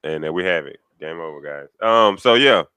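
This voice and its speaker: Bright, lively man chatting on a podcast. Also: deep voice, normal speed, smooth, dry recording. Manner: slangy, informal. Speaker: podcast co-host. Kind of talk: casual banter.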